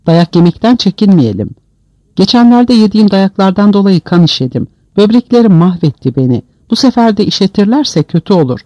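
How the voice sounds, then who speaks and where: A man's voice: high voice, expressive, fairly quick, warm tone, no echo, pitched above the performer's own voice. A man voicing an earnest young male inmate talking about his injuries.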